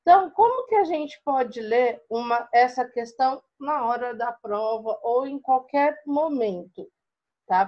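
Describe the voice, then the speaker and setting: Slow, patient Brazilian woman teacher. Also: fairly high pitch, highs cut off. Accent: Brazilian Portuguese. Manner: patient, expressive, checks in with students. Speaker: primary school teacher. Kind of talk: recorded online lesson.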